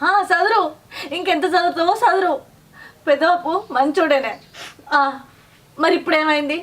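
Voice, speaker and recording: A woman's voice: very high-pitched, normal speed. A woman with a Telangana accent playing a wronged young wife who pleads through tears, recorded from a distant mic. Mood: reproachful. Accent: Telangana Telugu. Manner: tearful, pleading. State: crying. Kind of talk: short film drama acting.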